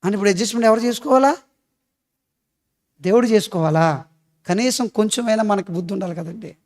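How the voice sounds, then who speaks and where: A man's voice: high-pitched, brisk, darkish tone. A male pastor with a Telugu accent, preaching a sermon full of rhetorical questions and repeated emphatic phrases.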